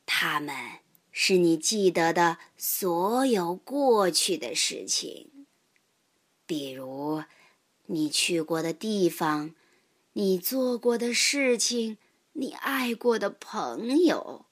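A woman voicing a gentle, wise old grandpa rabbit in a storybook, speaking slowly and partly in a whisper. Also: lowish voice, lively intonation. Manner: slow, soft, partly whispered.

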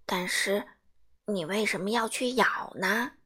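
A woman voicing a kind, wise old grandmother in a storybook reading, with a lower, gentle and patient voice. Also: slow pace, husky, full character voice.

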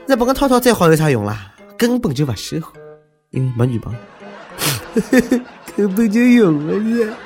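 With music behind him, a man speaking with a clear Shanghai accent hosts humorous news commentary. His pitch moves in an animated way as he mocks and needles, sarcastic but conversational.

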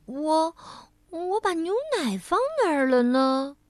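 Woman voicing a scatterbrained lady, storybook, stammering, high voice, dry close sound. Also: no echo. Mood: flustered. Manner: stammering, hesitant, drawn-out. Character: scatterbrained absent-minded lady, flustered and hesitant.

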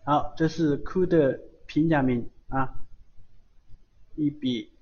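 Slow, patient man teaching syllables. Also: a little high. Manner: patient, repeats syllables many times. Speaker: Japanese teacher. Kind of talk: live online language lesson. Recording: dull lo-fi stream audio.

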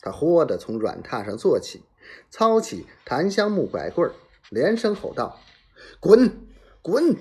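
A man reading a serialized historical novel aloud in a dramatic, measured storytelling manner. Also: medium pitch, huge pitch swings, a little mellow.

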